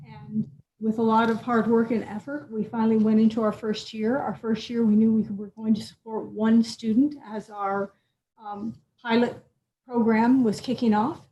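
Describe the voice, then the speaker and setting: A woman's voice: a little high, flat delivery, normal speed. A woman hosting a scholarship presentation, talking to an audience with fillers and repeats. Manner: warm-up speaking with fillers and repeats. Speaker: scholarship program host. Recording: dull lo-fi sound with faint noise.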